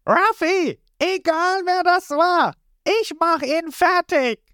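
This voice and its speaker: A man's voice: very high voice, expressive, takes it slowly, fairly bright tone, no room sound, studio quality, pitched above the performer's own voice, exaggerated voice. A man voicing a boastful young male sharpshooter full of nervous bravado. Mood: blustering.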